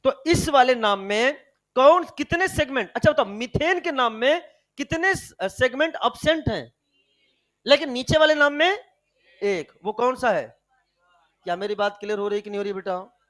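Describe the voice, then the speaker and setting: High-pitched guy teaching chemistry, super animated, keeps asking the class questions. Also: normal speed. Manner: animated, fires rhetorical questions at students; calls students "beta", coaxing and scolding. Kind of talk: energetic classroom lecture.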